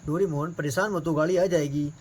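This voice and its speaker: A man's voice: fairly high pitch, steady tone, brisk, a little mellow, breathy edge. Bustling, chatty man voicing dolls. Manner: bustling, chatty, says "yaar" often. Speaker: performer voicing dolls in a family skit. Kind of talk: casual improvised doll-play skit.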